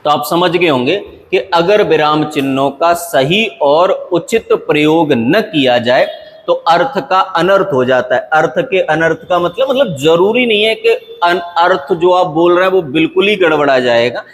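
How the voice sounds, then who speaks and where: A man teaching grammar in a patient classroom lecture, repeating points and checking in often, slowing down to read example sentences with careful pauses. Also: fairly high pitch, animated. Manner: patient, repetitive explaining with frequent "okay" check-ins. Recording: long hall reverb.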